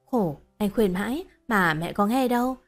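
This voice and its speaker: A woman voicing a smooth-talking young husband. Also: mid-range voice, lively intonation, moderate pace, soft background music, natural voice. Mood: coaxing.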